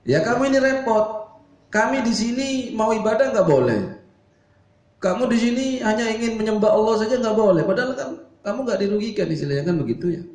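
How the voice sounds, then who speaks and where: A shrill, indignant mother scolds and nags in a high voice, as a male preacher puts her on. The sound carries the echo of a roomy hall. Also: lively intonation, brisk, a little mellow. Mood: indignant scolding. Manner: high-pitched, scolding and nagging.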